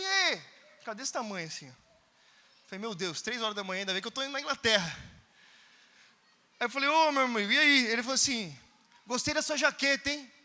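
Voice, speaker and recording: High, bright-voiced preacher in a hall. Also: male voice. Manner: animated storyteller, acting out dialogue, shouting at peaks. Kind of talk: conference sermon storytelling. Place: large church hall. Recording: reverberant church hall.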